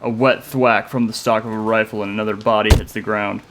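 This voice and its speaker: A man narrating a story in a steady, measured delivery. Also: fairly low pitch, background noise.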